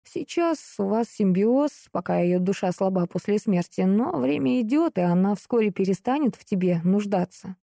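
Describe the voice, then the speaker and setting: A woman reading the lines of a calm, serious young male dark mage, explaining in a level, steady way. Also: mid-range voice, normal speed, gravelly, few pauses, no room sound, studio quality. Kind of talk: audiobook character reading.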